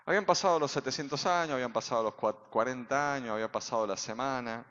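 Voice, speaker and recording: A man with an Argentine accent, a pastor preaching a sermon in a church, full of rhetorical questions and sudden shouts. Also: medium pitch, fast. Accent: Argentine Spanish. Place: church sanctuary. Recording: reverberant hall, dull sound.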